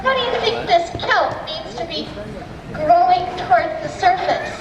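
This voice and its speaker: A woman diver in an aquarium tank giving a clear, friendly educational talk through her full face dive mask microphone, her voice played over loudspeakers. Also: very high-pitched, lively intonation, measured pace, muffled recording, a crowd in the background. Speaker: aquarium diver presenting to visitors. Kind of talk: educational presentation. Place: underwater in an aquarium tank, heard in a public hall. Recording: echoey loudspeaker heard from far off in a public hall. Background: noisy ambience.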